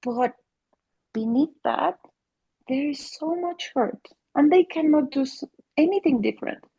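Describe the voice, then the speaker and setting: Here a middle-aged woman from Mexico, whose native Spanish has a Mexican accent, talks unhurriedly about working as a family therapist in an interview. Her high-pitched voice is expressive and warm, with vocal fry, and the sound is lo-fi. She is earnest, with many restarts and fillers.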